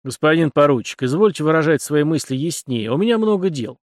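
A man's voice: on the high side, animated, a little fast, dry recording, studio quality, voice pushed up, close to an everyday voice. A man reading a stern commanding captain. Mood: curt. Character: stern commanding middle-aged male captain.

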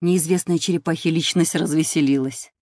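A woman narrating a radio play fairy tale in a calm, even storytelling manner. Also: sits low, brisk, no echo, clean studio sound. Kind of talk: scripted narration.

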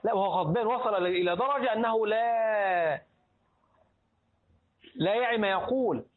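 A man's voice: sits high, moderate pace, narrow, tinny audio. A man with an Egyptian Arabic accent teaching a classroom lesson on creed, often asking his students questions and prompting them to finish his sentences. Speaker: religious teacher.

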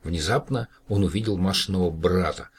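A man's voice: deep voice, moderate pace, slightly rough. A man reading a novel aloud as an audiobook narrator, telling the story steadily. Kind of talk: scripted narration.

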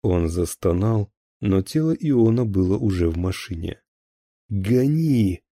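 A man narrating a thriller audiobook in a steady, even storytelling voice. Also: low-pitched, moderate pace, dry recording.

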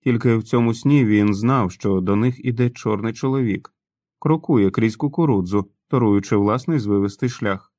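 Low male narrator, dry close sound, expressive audiobook reading. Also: moderate pace, no room sound. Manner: expressive reading with acted dialogue. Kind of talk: scripted narration.

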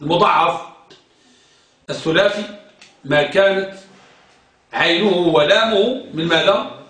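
A man's voice: high voice, unhurried, fairly bright tone. A male teacher giving a grammar lesson, drilling his students by repeating questions and answers. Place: classroom. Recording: echoey room, mic far off.

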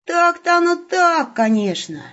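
Woman playing a blunt, gruff Wolf. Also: sits high, sing-song, voice pushed up. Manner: blunt, gruff, quick-tempered. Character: blunt, grumpy young male companion called the Wolf. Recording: muffled lo-fi recording.

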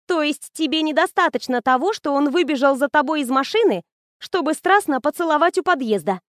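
A woman reading the lines of a lively young woman student who teases her friend in an audiobook. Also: high-pitched, brisk, no echo, studio quality, voice pushed up. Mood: teasing. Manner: bubbly, teasing, animated.

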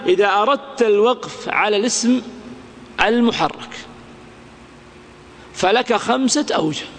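A high-pitched man teaches grammar to a class. He recites lines of verse slowly and breaks them down with examples, throwing questions to his students. His voice trails off in a long hall reverb. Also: lively intonation, a bit bright, slight background noise.

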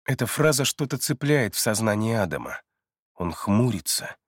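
A man steadily narrating a thriller audiobook in a measured storytelling manner. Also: fairly low pitch, big pitch swings, husky, no room sound. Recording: dry close studio read.

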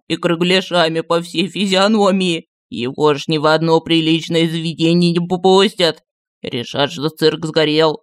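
A male narrator voicing a small, timid, excitable creature in an audiobook. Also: smooth, no echo, clean studio sound, lightly acted. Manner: timid, then squeaky and giggling.

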